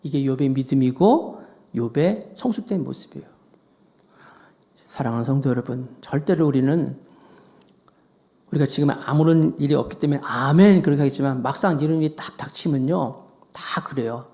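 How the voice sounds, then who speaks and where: A man preaching a Sunday sermon as pastor, animated, acting out quoted voices. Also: medium pitch, moderate pace, pauses often.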